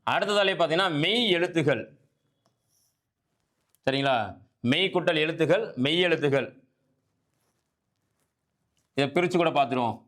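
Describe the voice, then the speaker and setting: A man's voice: fairly high pitch, moderate pace, long pauses, fairly bright tone. A man teaching a grammar lesson, asking questions and answering them himself, repeating key points and often checking that listeners follow. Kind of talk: exam-prep grammar lesson.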